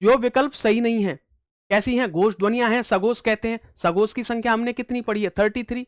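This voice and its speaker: A man's voice: very high voice, a little fast, no echo, clean studio sound. A man teaching an online exam-prep lesson, asking the class questions and answering them himself, reciting letters with emphasis.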